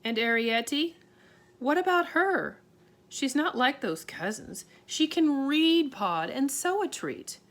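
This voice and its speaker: A woman's voice: high-pitched, big pitch swings, slow pace, a bit bright, full character voice. A woman reading aloud and voicing a tiny, anxious borrower housewife who frets, exclaims and pleads. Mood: fretful. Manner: fretful, exclaiming, tearful pleading. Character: tiny borrower housewife, middle-aged, anxious, easily alarmed.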